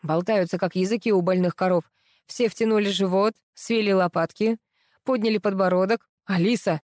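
A woman's voice: mid-range voice, fairly even intonation, normal speed, a little mellow, dry recording, clean studio sound, lightly acted. A woman voicing an impatient male show director who barks orders at contestants. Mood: commanding. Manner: barking commands.

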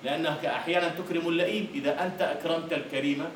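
A fairly high-voiced man with an Egyptian Arabic accent lectures on poetry and meter, recorded from a distance in an echoey room. He stops to explain words, then recites the verses slowly and with weight. A faint hiss stays under the voice. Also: steady tone. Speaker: university lecturer.

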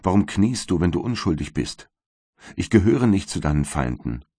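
A man voicing a grieving, gentle young noblewoman in a storybook reading, sorrowful and pleading in a very deep voice. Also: sing-song, normal speed, husky, no room sound, clean studio sound, full character voice.

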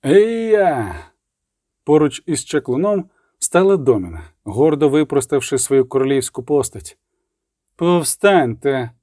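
A man reading an audiobook, narrating in brisk, even tones between the quoted lines. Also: mid-range voice, dry recording, clean studio sound.

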